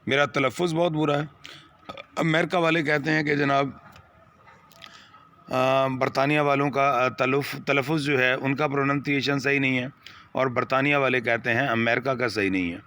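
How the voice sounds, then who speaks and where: A man's voice: mid-range voice, bright, forceful tone. A man with a Pakistani accent teaching English to a first-year class, reading lines of a text and translating and explaining each phrase.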